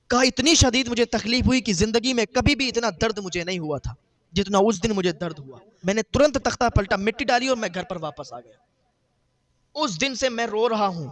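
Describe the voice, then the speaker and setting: ایک آدمی جو وعظ میں دہرائے جانے والے جملوں کے ساتھ ایک اخلاقی قصہ سناتا ہے۔. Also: male voice, sits high, fairly bright tone. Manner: retells a moral tale with quoted dialogue, repetitive phrasing. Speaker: preacher. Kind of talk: sermon storytelling.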